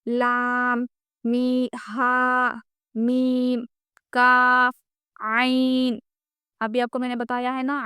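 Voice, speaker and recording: A woman's voice: fairly high pitch, smooth, dry recording, studio quality. A woman teaching a recorded Quran reading lesson. She patiently repeats letters one by one and stresses how throat sounds should be made. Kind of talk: recorded lesson, reciting letters and explaining pronunciation.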